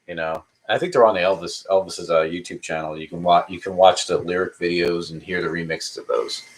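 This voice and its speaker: A low-pitched man in his early thirties chats casually on a live stream. He responds to questions from viewers in a rambling, hesitant style, restarting many times.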